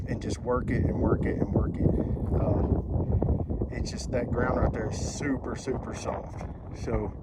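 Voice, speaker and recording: A man filming a casual how-to vlog outdoors on a farm, plainspoken and repeating his advice for emphasis, a bit out of breath from the work. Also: mid-range voice. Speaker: trapping vlogger. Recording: outdoor noise in background.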